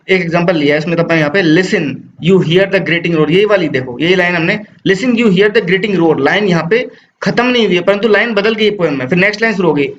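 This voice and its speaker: A man teaching English literature, explaining poetic devices patiently, repeating points, asking rhetorical questions and reading poem lines slowly. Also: sits high, fairly bright tone. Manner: reads poem lines slowly, mixes English terms into his talk. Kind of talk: classroom lecture. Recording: dull lo-fi sound with faint noise.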